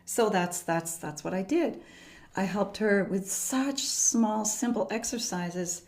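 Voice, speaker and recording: Speaking at a medium pitch, a middle-aged woman explains her voice-teaching method on a podcast where she's a guest, her manner unhurried, calm and measured.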